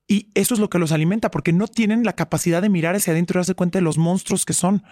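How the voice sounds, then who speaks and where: In this studio-quality clip with no room sound, a middle-aged interview guest talks quickly in a warm, fairly low voice. Earnest throughout, she shares her own story and replays old arguments, voicing each side herself.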